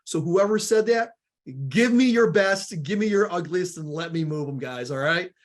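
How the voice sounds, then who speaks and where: A man with a Southern US accent presents a product webinar at normal speed, his voice sitting high. He's energetic, repeats words as he goes, and keeps addressing the audience as "guys."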